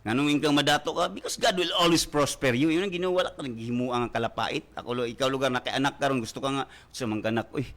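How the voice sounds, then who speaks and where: A man with a Filipino accent preaching a radio sermon as pastor. He preaches fervently, keeps tagging his lines with "ha?", and bursts into loud exhortations. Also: medium pitch, fast talker, few pauses. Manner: fervent preaching with constant "ha?" tag questions.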